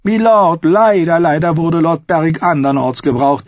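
A man's voice: a little high, animated, moderate pace, no echo, voice pushed up, close to an everyday voice. A man voicing a falsely courteous, cruel outlaw singer in an audiobook reading. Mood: mock politeness. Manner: courteous and mocking. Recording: dull lo-fi recording.

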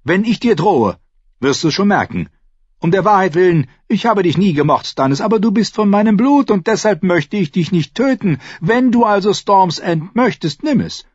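A man voicing a smug, mocking young nobleman in a high, taunting, drawn-out voice. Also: lively intonation, breathy edge, no echo, highs cut off.

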